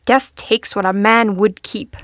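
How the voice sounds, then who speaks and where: A woman's voice: medium pitch, fairly even intonation, measured pace, a bit bright, no echo, clean studio sound, close to an everyday voice. A woman voicing a giddy male butterfly who rambles through quotes and songs in a playful, sing-song way. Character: giddy dandy male butterfly, quoting nonsense.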